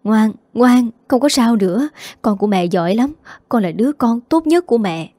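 A woman's voice: a little high, animated, moderate pace, dark tone, no room sound. A woman voicing a tender, loving foster mother who soothes her child, in a storybook reading. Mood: soothing.

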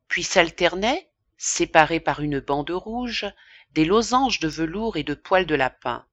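A woman narrating a classic novel as an audiobook, in a measured, expressive reading. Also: deep voice, no room sound, muffled recording. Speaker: audiobook reader.

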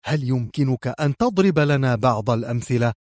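A man's voice: mid-range voice, lively intonation, a little fast, darkish tone, no echo, clean studio sound, natural voice. A man voicing a charming young woman television interviewer asking questions. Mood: inquiring. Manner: sweet, inquisitive.

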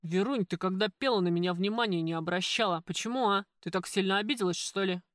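A woman's voice: mid-range voice, fast talker, a bit bright, no room sound, studio quality, close to an everyday voice. A woman voicing a crude bossy male boss. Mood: wheedling. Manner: gruff, wheedling and commanding. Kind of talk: audiobook character voice.

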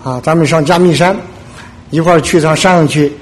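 A man's voice: fairly high pitch, fairly quick, close to an everyday voice. A male preacher voicing a bold male prophet who challenges his rivals, speaking plainly with filler "ah". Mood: challenging.

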